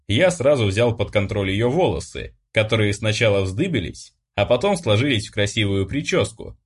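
A man narrating a first-person audiobook in a wry, expressive storytelling manner. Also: fairly low pitch.

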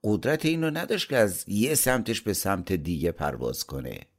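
A man's voice: deep voice, expressive. A man doing a clever young traveler. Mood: sly.

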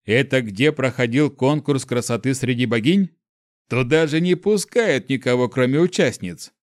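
A man voicing a male guardian who grumbles and mocks in a gruff, offhand way. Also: medium pitch, moderate pace, no echo, studio quality, close to an everyday voice. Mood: teasing. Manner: grumbling, mocking. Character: gruff teasing male keeper, old ancient being.

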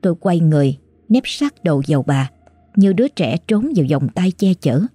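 A woman narrating a horror story in an emotive, dramatic manner, over soft background music. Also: sits low, expressive, moderate pace, breathy edge, dry recording.

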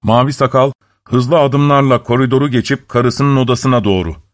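A man narrating a fairy tale in an expressive, dramatic storytelling manner. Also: mid-range voice, moderate pace.

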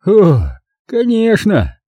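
A man's voice: high-pitched, huge pitch swings, drawn-out words, dark tone, no room sound, pitched above the performer's own voice, full character voice. Reader doing a drunk sneering bitter man. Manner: slurred, sneering, sarcastic. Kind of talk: audiobook character voice.

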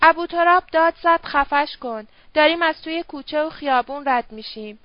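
A woman's voice: high voice, no room sound, lightly acted. Woman reading as a guilt-ridden young servant girl. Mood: confessing. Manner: colloquial Tehrani speech, rueful. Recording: dull dry lo-fi audio.

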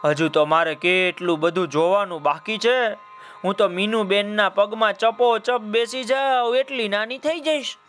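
A man's voice: high voice, fairly even intonation, moderate pace, a bit bright, faint music behind. A man voicing a restless little slipper in a children's story, coaxing and pleading in a raised voice. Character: chatty little girl's slipper, restless and eager.

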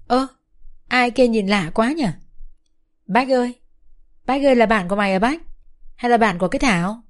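A woman voicing a cheeky young village girl who teases her friends, in a high, quick, mocking tone. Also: lightly acted. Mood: teasing.

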